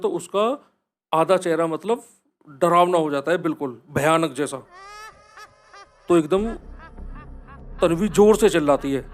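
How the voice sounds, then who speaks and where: A man's voice: on the high side, darkish tone. A man telling a horror story in a casual, conversational way and speaking straight to his listeners. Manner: conversational, addresses listeners directly.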